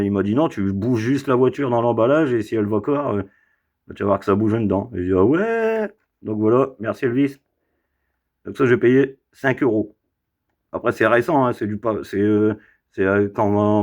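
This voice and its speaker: A man's voice: on the low side, a little mellow. A man casually showing off his toy car collection, chatty and rambling with lots of fillers and asides. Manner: chatty, rambling, many fillers and tag questions. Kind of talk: casual unboxing vlog. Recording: slightly dull lo-fi sound.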